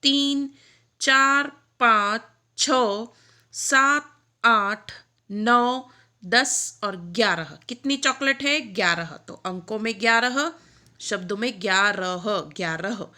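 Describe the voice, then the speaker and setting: Slow, bright-voiced woman teaching children. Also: on the high side. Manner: slow, clear counting of objects, explaining each word letter by letter. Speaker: primary school teacher. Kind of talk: online lesson.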